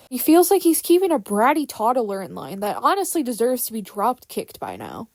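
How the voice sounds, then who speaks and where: A woman's voice: fairly high pitch, dry recording. A woman delivering a casual, scripted rant about characters in an opinionated, unhinged, sweary manner with informal sarcastic asides. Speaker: fan fiction creator.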